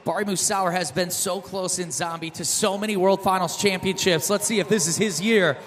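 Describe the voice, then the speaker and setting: A man's voice: high-pitched, a bit bright, a little hiss or hum. A man working as a hype event announcer and commentator, one of a duelling pair, calling motorsport in an arena and stretching out names and scores. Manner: hyped announcer trading calls with a co-announcer, drawn-out name and score calls.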